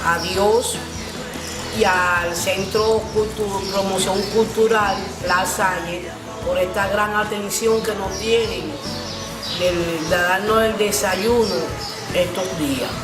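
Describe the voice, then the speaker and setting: Older woman, slow, far in a room. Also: medium pitch, fairly even intonation. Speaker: program beneficiary. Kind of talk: thank-you testimonial. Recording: distant roomy with loud music.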